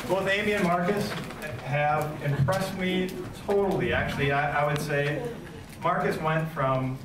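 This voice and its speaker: A man's voice: fairly high pitch, fairly even intonation, measured pace. A man giving an informal wedding toast speech in a joking, teasing way, recorded from far off. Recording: echoey far-off mic, very noisy crowd.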